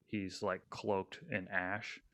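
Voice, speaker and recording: A young man talking casually on a podcast, his voice a bit low and smooth. He rambles along, full of "um" and "like," and often restarts a thought. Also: flat delivery, takes it slowly, fairly bright tone. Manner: rambling with many fillers and restarts. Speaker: podcast co-host.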